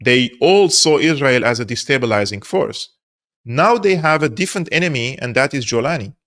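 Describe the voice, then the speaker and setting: A man from Syria answers interview questions in a mid-range voice. He talks in a steady, earnest, explanatory way. He hammers his points home by repeating them. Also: mid-range voice, normal speed. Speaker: political analyst guest.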